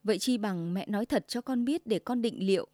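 Shrill domineering old mother-in-law, as a woman narrator puts her on. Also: fairly quick, mellow, no room sound, studio quality, soft background music, lightly acted. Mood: wheedling. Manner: shrill, commanding, sugary then scolding.

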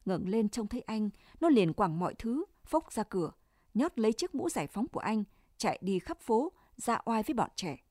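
A woman narrating a story in a calm, steady reading voice. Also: fairly high pitch, normal speed, dry recording, clean studio sound.

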